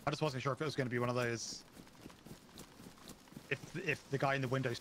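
A man's voice: mid-range voice, fairly even intonation, fast, a bit bright, slight background noise. Man on voice chat, mic cutting out. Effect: voice chat mic cutting in and out, fading away. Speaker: gaming teammate on voice chat. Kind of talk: casual gaming chat.

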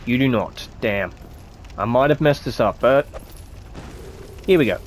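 A stuffy-nosed man talks his way through a game in a slow, unhurried, casual commentary, his pitch jumping about lively as he mutters to himself. Faint game sounds sit quietly behind his voice. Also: a little hiss or hum. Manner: chatty, muttering to himself while playing. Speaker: gameplay commentator. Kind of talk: casual let's-play commentary.

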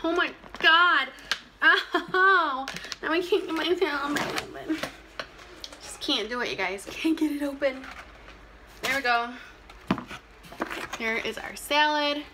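A woman's voice: sits high, slow, pauses often. A young woman vlogger chatting casually and animatedly as she eats in front of a camera in a small room, sometimes talking between bites. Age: young adult. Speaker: mukbang vlogger. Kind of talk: casual chatty talk while eating on camera. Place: small plain indoor room. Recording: clear background noise, clicks.

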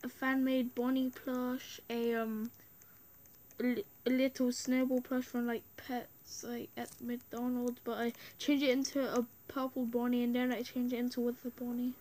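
Rambling high-voiced young girl gamer. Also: flat delivery, moderate pace, a little mellow. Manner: rambling, many fillers. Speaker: let's play host. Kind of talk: casual gameplay commentary.

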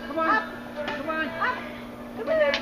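Woman's squeaky sing-song dog talk. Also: big pitch swings, a little slow. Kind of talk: casual home video talk to a pet. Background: loud music.

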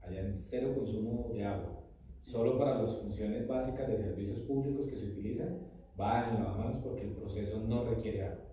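A middle-aged man who owns a coffee company, answering interview questions in a measured, explanatory way in an office meeting room. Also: fairly low pitch, dark tone, a little hiss or hum. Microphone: far camera. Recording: echoey room from far off.

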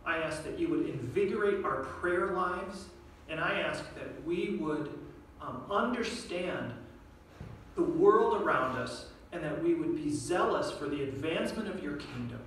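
A man's voice: on the high side, expressive, measured pace, fairly bright tone, a little hiss or hum. Earnest young man preaching in an echoey church. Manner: earnest, direct, asks the listeners questions. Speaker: guest preacher. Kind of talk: sermon. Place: church sanctuary. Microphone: podium microphone, filmed from far back. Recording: echoey church room from far off.

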